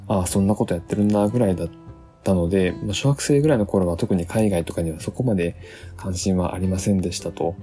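A man with a low, dark voice talks through a solo podcast episode. His delivery is easygoing and reflective, with frequent pauses and fillers. Soft guitar music plays faintly underneath. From Japan. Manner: relaxed, reflective, many fillers. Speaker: podcast host.

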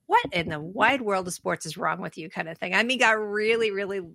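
A woman's voice: medium pitch, brisk, creaky, fairly bright tone, no echo, clean studio sound. A woman co-hosting a podcast in casual chat, chatty and playful, laughing often. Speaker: podcast co-host.

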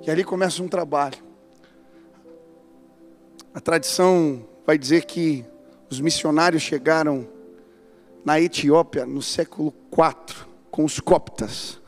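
A man's fairly high voice carries a Brazilian Portuguese accent as he preaches. He drops to near-whispers and then builds to fervent, rising climaxes, with faint music underneath. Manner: dynamic preaching, swinging from hushed to loud and fervent. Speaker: pastor. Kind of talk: sermon.

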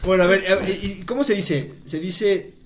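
A man's voice: high voice, normal speed, fairly bright tone. A man hosting a casual comedy podcast, joking, laughing often and asking playful questions. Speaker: host.

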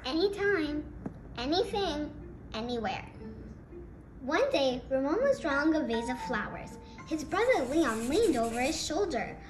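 A woman hosting and reading a children's picture book aloud in a slow, deliberate way. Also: high voice, big pitch swings. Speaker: podcast host. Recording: roomy echo, music behind. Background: music.

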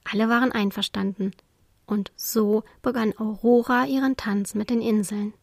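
A woman narrating a children's storybook in a calm, expressive way. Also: medium pitch, moderate pace, creaky, no room sound, studio quality.

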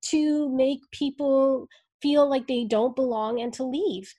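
A woman speaking as an interview guest, earnest and reflective, talking in halting bursts as she thinks things through. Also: high voice, mellow. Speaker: guest speaking about the ad industry. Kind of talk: candid interview conversation.

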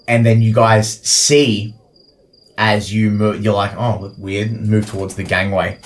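A man's voice: fairly low pitch, level tone, unhurried, rough recording. Loose-talking man narrating as game master. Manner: loose, filler-heavy narration with many "like"s.

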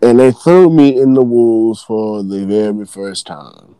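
A man from Texas, telling a work story in loose, profane, animated casual chat. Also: lowish voice, measured pace, smooth, dry recording.

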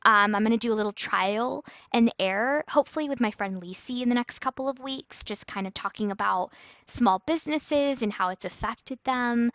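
Woman podcaster, casual rambling chat, quick laughs, muffled lo-fi recording, fairly high voice. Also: fairly bright tone, dry recording. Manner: rambling, chatty, laughs often. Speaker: podcast host. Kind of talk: casual solo podcast monologue.

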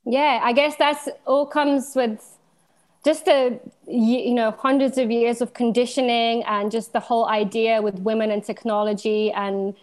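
A woman from Slovenia in her thirties, a DJ guest talking in a relaxed, thoughtful way, with many pauses and easy laughs. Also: a little high. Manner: thoughtful, hesitant, laughs easily. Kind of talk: casual interview chat.

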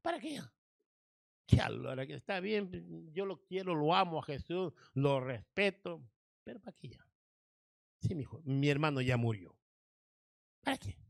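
A man voicing a grieving, hopeless woman mourning her dead brother, in a soft, weary lament. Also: fairly high pitch, animated, unhurried, creaky, long pauses, no echo, clean studio sound, voice pushed down. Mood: hopeless grief.

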